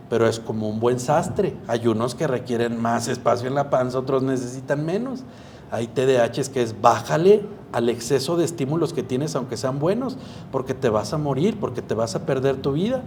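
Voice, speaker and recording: A man with a Mexican accent, a psychiatrist giving a live masterclass talk and acting out dialogues with an animated manner. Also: medium pitch, a little hiss or hum. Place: event hall.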